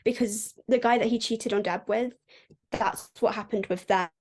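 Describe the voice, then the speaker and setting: Her voice sits on the high side as this podcast co-host casually sums up a book, leaning heavily on "like" fillers in her chatty style. She talks at a normal speed with fairly even intonation.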